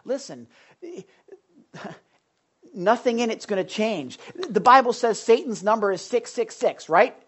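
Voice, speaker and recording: Preacher, sermon, loud and excitable, bursts of shouting, hushed earnest stretches, live gathering. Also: mid-range voice, slow pace, husky. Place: indoor gathering with a live audience.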